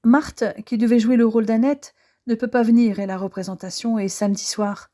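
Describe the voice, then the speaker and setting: An eager, friendly young man leading a village theatre troupe, read by a woman narrator. The voice is soft and mellow, hardly changed from her own. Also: fairly high pitch, fairly even intonation, fairly quick, close to an everyday voice. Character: cheerful young man, amateur theatre leader.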